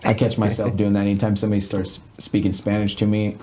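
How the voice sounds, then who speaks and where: A male podcast host talks in a low, mellow voice, cracking wise in relaxed chat. Faint noise and small clicks sit behind him. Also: fast. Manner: joking, wisecracking. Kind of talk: casual chat.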